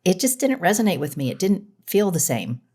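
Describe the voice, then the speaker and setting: A woman's voice: lowish voice, big pitch swings, brisk, a little mellow, slightly rough. A woman guest on a podcast, talking earnestly and agreeing emphatically. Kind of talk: casual conversation.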